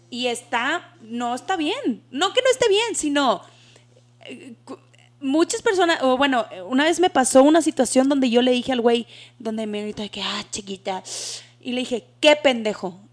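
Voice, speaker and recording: A woman co-hosting a podcast, speaking with a Mexican accent and lots of street slang. Her voice is somewhat high, and she tells stories with a lively, candid flow. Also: moderate pace. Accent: Mexican Spanish. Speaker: podcast co-host. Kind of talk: casual chat.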